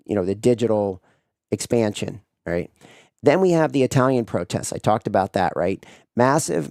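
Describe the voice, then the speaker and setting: A man's voice: on the low side, darkish tone, no room sound, studio quality. A man hosting a casual commentary show, rambling and often asking "right?" as he talks. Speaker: host.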